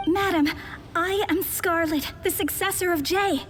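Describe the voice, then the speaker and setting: A woman's voice: very high voice, unhurried, soft background music. A woman voicing a composed, formal and courteous young woman mage in a video game. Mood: polite.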